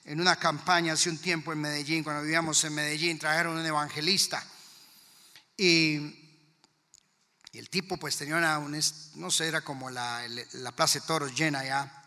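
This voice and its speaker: Male Colombian pastor, sermon, rhetorical questions, gravelly voice, piercing tone. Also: a little high, fairly even intonation, normal speed, sharp tone, in a large hall. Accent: Colombian Spanish. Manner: fervent preaching, rhetorical questions to the congregation. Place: church.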